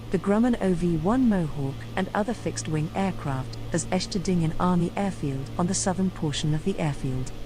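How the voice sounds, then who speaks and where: A woman with a fairly low voice narrates from a script. She delivers factual, informational material in the role of a narrator. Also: poor audio.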